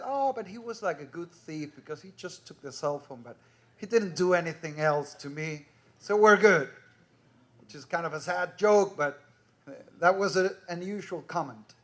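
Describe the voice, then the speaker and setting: Slow-speaking Ecuadorian man in his thirties. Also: high voice. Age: 30s. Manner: earnest, measured, personal anecdotes. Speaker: conference speaker. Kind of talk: conference talk.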